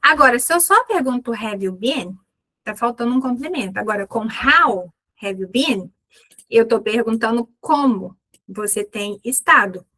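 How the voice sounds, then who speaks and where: A Brazilian woman teaching an English lesson, explaining in a clear instructive way and repeating English words slowly for practice. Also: a little high, expressive, sharp tone. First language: Portuguese.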